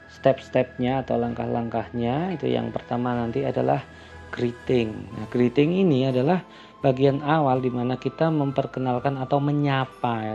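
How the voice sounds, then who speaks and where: A man teaching a class, calmly explaining English greetings and introductions and slowing down for the example phrases. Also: mid-range voice, creaky. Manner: calm and explanatory, switching into slow, lifted voice for English example phrases. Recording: lo-fi recording with faint music.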